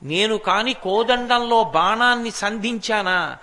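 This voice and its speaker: Brief: wrathful divine prince, put on by a male preacher, declaiming, bright high tone. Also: a little slow, heavily acted. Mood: indignant.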